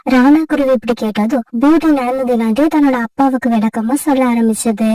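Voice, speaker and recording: A woman narrating a children's cartoon story in a steady storytelling manner. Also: high voice, fast talker, far from the mic, poor audio.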